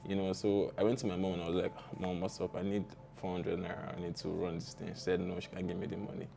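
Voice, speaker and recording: A man's voice: sits low, little pitch movement, quick pace, creaky, over music. A young Nigerian man with a Nigerian accent, a startup founder relaxedly telling his life story in an interview, with slangy asides and easy laughs.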